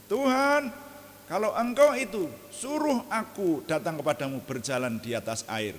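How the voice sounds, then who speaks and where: A man's voice: fairly low pitch, fairly quick, in a large hall, slight background noise, natural voice. A preacher voicing an impulsive, eager male disciple who blurts things out. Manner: excited, blurting.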